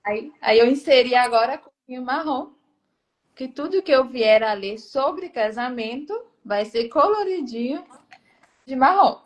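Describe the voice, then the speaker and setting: Chatty higher-voiced Brazilian woman. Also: expressive, measured pace. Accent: Brazilian Portuguese. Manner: explanatory, chimes in with short affirmations.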